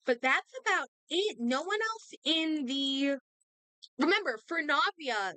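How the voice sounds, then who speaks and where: A young woman streams a game, chatting casually and thinking aloud despite a sore throat that's costing her her voice, and she has the hiccups. Her high voice is expressive and unhurried, sounding pushed and bright, with no room sound.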